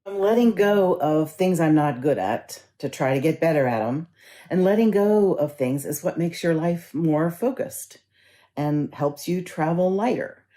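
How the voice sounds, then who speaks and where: A woman minister giving a conversational sermon, telling stories and gently guiding her congregation through a ritual. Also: deep voice, expressive, unhurried. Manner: conversational storytelling, gently instructive.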